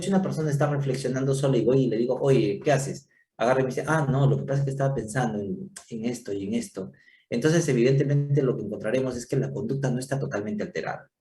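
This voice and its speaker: A man's voice: mid-range voice, dark tone, a little hiss or hum. Man, psychiatry lecturer, explanatory, echoey room, distant mic. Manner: explanatory, checks in with frequent rhetorical questions. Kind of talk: university lecture.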